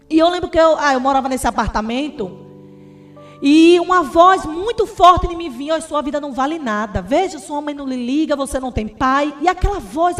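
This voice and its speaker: A woman evangelist giving a fervent testimony sermon in Brazilian Portuguese, often calling her listeners beloved. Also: high voice.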